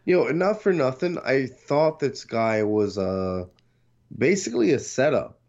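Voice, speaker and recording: A man's voice: medium pitch, very animated, unhurried, darkish tone, dull audio. A man co-hosting a podcast, chatting casually with slang and swearing, acting out reactions. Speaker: podcast co-host. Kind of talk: casual chat.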